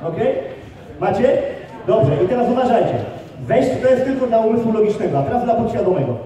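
Energetic male seminar speaker in an echoey hall. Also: very high-pitched. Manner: energetic, rallying the crowd with quick questions. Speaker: motivational speaker. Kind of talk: live seminar talk to an audience. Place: large hall with an audience. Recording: echoey hall recorded from far off.

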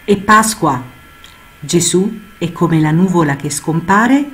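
A woman reading a short story aloud in an expressive, measured storytelling manner. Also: fairly low pitch.

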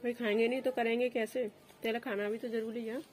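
A woman's voice: fairly high pitch, level tone, brisk, a little mellow, slight background noise. Woman chatting in a home vlog. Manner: chatty, talks to viewers and her child. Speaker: vlogger. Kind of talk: casual home vlog talk.

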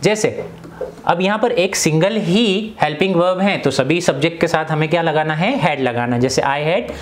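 Man slowly drilling English grammar examples. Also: on the high side, a little hiss or hum. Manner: drills example sentences slowly and repeats them; often asks the class rhetorical questions. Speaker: English teacher. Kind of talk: classroom grammar lesson.

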